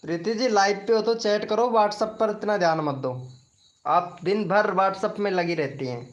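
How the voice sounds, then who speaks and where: Hosting a casual live stream, a man chats and jokes with his viewers, laughing often and swearing by oath. His voice is high-pitched and measured in pace, and the stream audio sounds dull and lo-fi.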